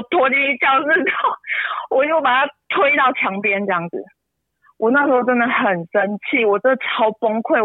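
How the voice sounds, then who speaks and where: A woman pours out an emotional story. Her voice breaks and leaps upward when she gets upset. She sounds close and dry, squeezed through a narrow phone line. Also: no room sound. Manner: tearful, pitch jumps high when upset. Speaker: interview guest, mother. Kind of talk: emotional personal account.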